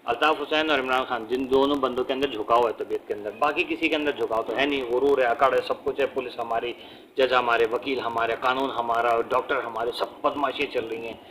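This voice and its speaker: A man with a Pakistani Urdu accent giving blunt, animated political commentary to the camera, often tagging sentences with quick checks on the listener. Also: medium pitch, slight background noise, low-quality recording. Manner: animated, blunt and ranting, with frequent tag questions. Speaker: political vlogger. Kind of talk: opinionated casual commentary to camera.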